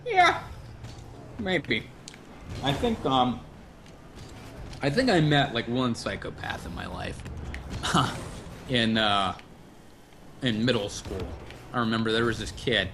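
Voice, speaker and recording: Speaking into a livestream podcast mic, a male host tells stories casually, animated and cursing freely. His mid-range voice goes slowly with long pauses, against a noisy background.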